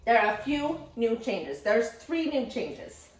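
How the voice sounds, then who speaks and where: A gushing, chatty talk show hostess, played by a woman, her voice pitched a little high and swooping all over as she throws in Yiddish exclamations. The sound is roomy and picked up from some distance. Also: very animated, takes it slowly. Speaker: talk show host character. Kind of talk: comedic sketch parody for nurse education.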